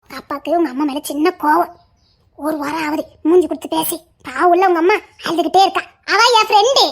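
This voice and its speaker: A woman acting a caring, playful young sister-in-law in an audio drama, soft, coaxing and affectionate. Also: very high-pitched, fast, vocal fry.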